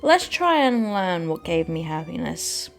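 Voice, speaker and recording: Female gamer, slightly low voice, animated delivery, commentary and read-aloud dialogue over faint music. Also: unhurried, vocal fry. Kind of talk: game playthrough commentary, reading lines aloud.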